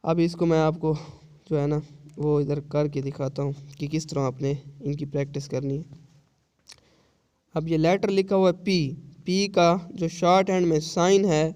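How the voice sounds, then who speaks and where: A man's voice: fairly high pitch, mellow. Patient male shorthand teacher. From Pakistan. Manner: patient, repetitive explaining with frequent checks. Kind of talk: online lesson.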